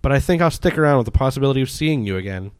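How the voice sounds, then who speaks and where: A man's voice: mid-range voice, animated, rapid-fire, clean tone, dry recording. A man co-hosting a comedy podcast, reading online posts aloud with wry jokes. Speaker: podcast co-host.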